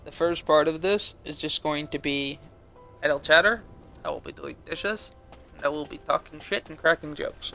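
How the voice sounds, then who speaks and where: Bright, gravelly young male streamer. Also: a little high, normal speed, faint music behind. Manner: crude, joking, swearing. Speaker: livestreamer. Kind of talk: casual stream chatter.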